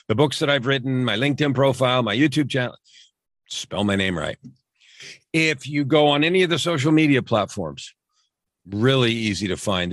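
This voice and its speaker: A middle-aged man, a coach and podcast guest, talking earnestly in a repetitive, emphatic way, his voice dropping low on key phrases. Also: dry recording, clean studio sound. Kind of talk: motivational interview talk.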